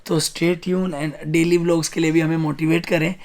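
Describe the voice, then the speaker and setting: A man's voice: fairly high pitch, level tone, measured pace, darkish tone. A young man co-hosting a casual home vlog, easygoing and earnest with a teasing streak. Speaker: vlogger co-host.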